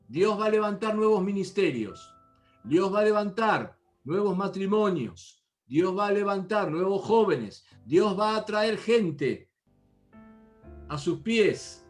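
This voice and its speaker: Argentine male pastor in his sixties, high voice, fervent sermon, soft music underneath. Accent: Argentine Spanish. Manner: fervent, exhorting with repeated phrases.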